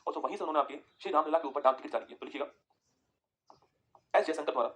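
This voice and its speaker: Fast-talking man teaching a map lesson. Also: a little high, a bit bright. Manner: rapid, repetitive, tells students to write points down. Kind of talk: geography lesson over a map.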